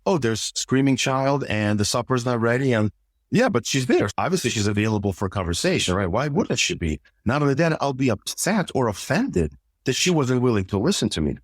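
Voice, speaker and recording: A man's voice: medium pitch, big pitch swings, brisk, dry recording, studio quality. A middle-aged man, a couples therapist, explains communication steps one by one in a podcast conversation and acts out short example dialogues.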